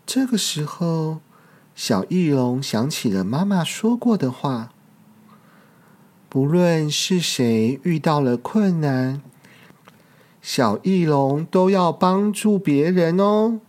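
A storyteller reading a picture book aloud for small children, gentle and expressive. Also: medium pitch, slow.

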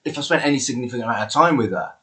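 A man's voice: mid-range voice, very fast, breathy edge. A man hosting a podcast, introducing his guest and chatting in an effusive, friendly way. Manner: warm, effusive, animated intonation. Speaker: podcast host and celebrant. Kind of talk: casual interview chat.

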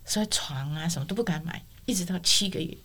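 A middle-aged woman speaks, her voice sitting a little low for a woman. She shares a personal testimony as a guest, vividly and expressively, switching into the voices of the people she quotes. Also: fast. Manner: expressive storyteller, acts out quoted dialogue.

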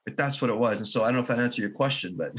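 Husky-voiced man telling a personal story. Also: medium pitch. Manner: earnest, halting, with restarts and soft laughs. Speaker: podcast guest. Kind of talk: reflective personal storytelling in an interview.

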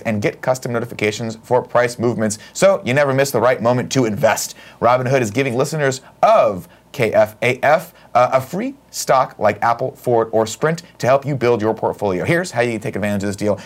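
A man co-hosting a comedy podcast, joking around and reading sponsor ads in a hammy announcer manner. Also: medium pitch. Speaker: podcast co-host. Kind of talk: casual chat and live-read ads.

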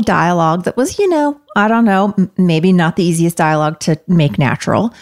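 A woman's voice: fairly low pitch, a little mellow. A woman co-hosting a casual podcast, asking curious, rambling questions. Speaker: podcast co-host, interviewer. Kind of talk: casual rewatch podcast chat.

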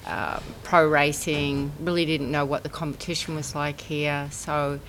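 A woman's voice: deep voice, fairly even intonation, measured pace, noisy background. A mature woman, reminiscing casually in an interview as a former athlete. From Brisbane, Australia. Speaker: former professional triathlete, interviewee.

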